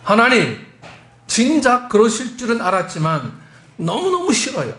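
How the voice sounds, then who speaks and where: A man's voice: a little high, animated, measured pace, reverberant. A man voicing a petulant, resentful prophet who complains like a sulking child.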